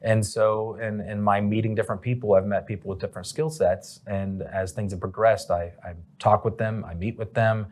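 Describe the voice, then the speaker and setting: Low-voiced man rambling through interview answers. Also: little pitch movement, moderate pace, few pauses, a little mellow. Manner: rambling, with many fillers and restarts. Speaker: company president, guest.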